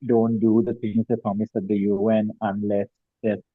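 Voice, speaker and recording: A man's voice: on the low side, flat delivery, normal speed, husky, no room sound. A man in a focus group meeting explains things hesitantly, with many fillers and restarts, over a video call line that keeps cutting out. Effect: choppy video call line that cuts in and out. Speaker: focus group participant from an education nonprofit. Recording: tinny dry call line.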